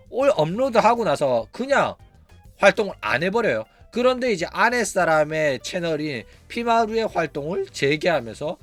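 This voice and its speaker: Animated man with a lively, rising pitch. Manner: animated, frequent rhetorical "어?" asides, blunt and slangy. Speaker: VTuber news channel host. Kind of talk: casual commentary.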